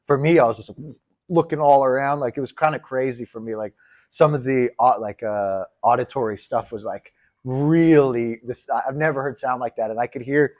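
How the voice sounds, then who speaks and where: A man co-hosting a podcast, telling a story in casual chat, rambling and swearing and getting excited as he retells it. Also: medium pitch, normal speed. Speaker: podcast co-host. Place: resort retreat room.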